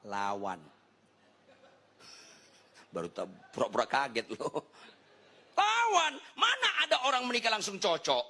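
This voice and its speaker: Animated, husky-voiced preacher. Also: male voice, fairly high pitch. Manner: animated comic storytelling, playful jabs at the audience. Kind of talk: humorous sermon.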